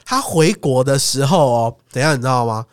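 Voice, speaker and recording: Animated storyteller. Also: medium pitch, brisk, clear, resonant tone, dry recording, studio quality. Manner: animated, laughs often, swears casually. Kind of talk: casual storytelling chat.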